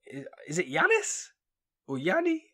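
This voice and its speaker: A man's voice: high voice, wildly swooping pitch, a little slow, a bit bright. A young man hosting a podcast, telling stories casually with lots of fillers and restarts in a self-deprecating way. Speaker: podcast host. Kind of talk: casual storytelling monologue.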